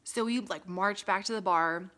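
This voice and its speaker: A woman's voice: medium pitch, moderate pace, bright, forceful tone. Chatty young vlogger girl, lots of likes and ums, laughing as she talks into her phone. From Las Vegas, USA. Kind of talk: casual chat to camera. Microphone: phone camera.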